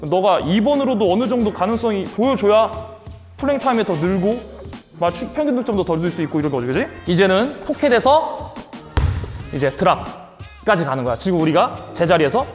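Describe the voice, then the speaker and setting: High, lively male basketball coach in a gym. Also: a little fast. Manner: barks short cues and counts, coaxing and emphatic. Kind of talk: on-court coaching instruction. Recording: long gym reverb with faint music. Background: basketball bouncing, faint music.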